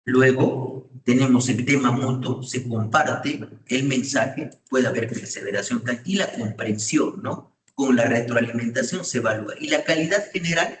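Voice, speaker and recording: A man's voice: mid-range voice, normal speed, hardly any pauses, far from the mic, slight background noise. A man giving a university lecture, often checking in with students with short questions. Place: classroom. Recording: echoey room, voice off-mic.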